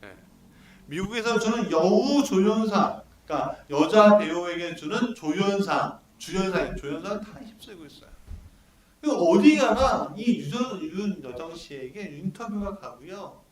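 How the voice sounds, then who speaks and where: Male pastor, animated preacher who keeps questioning his flock; recorded in a roomy church from afar, congregation audible. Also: high-pitched, unhurried, crowd noise. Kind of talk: sermon. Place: church hall at a prayer meeting. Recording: echoey church hall, mic at a distance, congregation audible.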